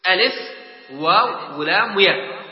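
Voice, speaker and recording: A man gives a classroom lesson, going slowly and repeating each word before asking his students questions. His voice sits high. The sound carries a long hall echo and a muffled, dull tone. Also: animated. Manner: explains slowly, repeating words and quizzing students. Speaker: Quran teacher.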